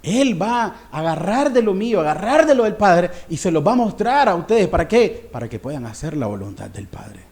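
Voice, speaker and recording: Man, pastor, sermon, slightly high voice, swings from loud to hushed. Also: sing-song, moderate pace, hardly any pauses. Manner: emphatic preaching, swinging between raised and hushed passages.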